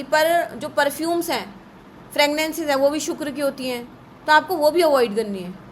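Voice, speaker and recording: Brisk high-voiced woman teaching. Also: fairly bright tone, slight background noise, poor audio. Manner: brisk, scolding, lists items. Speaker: astrology teacher. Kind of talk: live online class.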